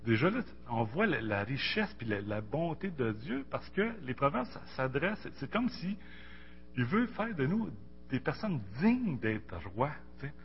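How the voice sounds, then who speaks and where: A man in his forties with a Québécois French accent, speaking casually about faith and personal experience in a halting, colloquial way with many repeated words. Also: a little high, very animated. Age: 40s. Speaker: Bible study participant. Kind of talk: casual religious discussion with personal testimony. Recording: muffled lo-fi audio, faint hum.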